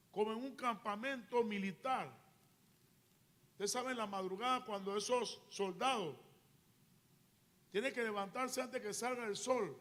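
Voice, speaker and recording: High-voiced man preaching a fervent sermon. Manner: preaching with rising, shouted intensity. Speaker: pastor. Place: church sanctuary.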